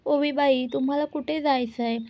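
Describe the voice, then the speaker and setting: An old grandmother speaks kindly yet firmly in a serial retelling, read by a woman narrator. The voice is high and mellow, near a plain reading. She sounds affectionate and in charge. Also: fairly even intonation, normal speed, no echo, lightly acted. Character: kindly, brisk grandmother of the house.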